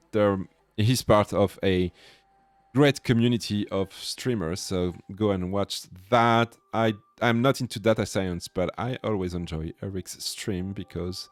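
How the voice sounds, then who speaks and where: A man with a fairly low voice and a French accent hosts a casual livestream, with music playing faintly behind him. His English is a little halting as he searches for words in an informal, chatty way. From France. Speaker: host of a coding livestream.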